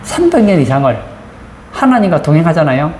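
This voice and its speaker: A woman's voice: deep voice, very animated, brisk, a little mellow. A woman pastor preaching a sermon, asking the congregation frequent rhetorical questions. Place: church sanctuary. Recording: roomy church acoustics, faint background noise.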